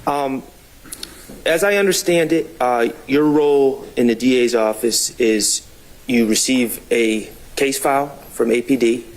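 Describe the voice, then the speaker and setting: A man working as a defense attorney, questioning and arguing in a courtroom with halting, deliberate phrasing. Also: medium pitch. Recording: noisy courtroom audio.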